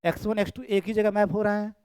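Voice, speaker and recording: एक पुरुष गणित शिक्षक कक्षा में पढ़ा रहे हैं, बातें दोहराते हुए और छात्रों की कॉपियाँ जाँचते हुए।. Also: male voice, sits high, steady tone, fast talker, darkish tone, clear, resonant tone, no room sound. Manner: chatty, repeats phrases, checks students' work aloud. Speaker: maths teacher. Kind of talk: classroom lecture. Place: classroom. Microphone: camera in room.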